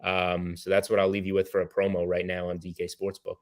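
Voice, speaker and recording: A man's voice: low-pitched, completely flat delivery, a little fast. An American man giving sports betting analysis as a guest in casual chat, thinking aloud as he goes.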